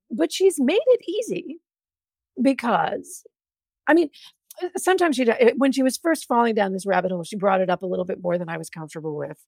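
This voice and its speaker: A woman's voice: mid-range voice, a little mellow, no room sound. A woman guest in a podcast interview, telling stories animatedly with frequent restarts. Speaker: guest, journalist. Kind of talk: conversational interview.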